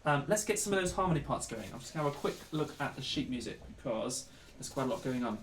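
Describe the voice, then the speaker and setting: A man's voice: medium pitch, expressive, quick pace, background noise. A man leading an online singing lesson, counting in and singing lines to demonstrate. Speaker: choir leader. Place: home room. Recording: roomy, distant mic with backing music.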